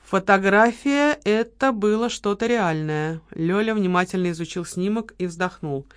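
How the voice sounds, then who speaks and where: A woman narrating a novel in a measured, even storytelling voice. Her pitch sits in the middle, and the close, dry recording has no room sound. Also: clear, resonant tone, no echo. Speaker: audiobook narrator. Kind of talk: scripted narration.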